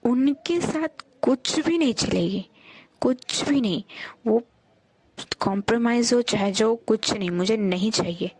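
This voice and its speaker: A woman's voice: on the high side, measured pace, a little mellow, husky, no echo. A woman voicing a lovesick young female college student who complains and pleads in storybook dialogue. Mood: sulky.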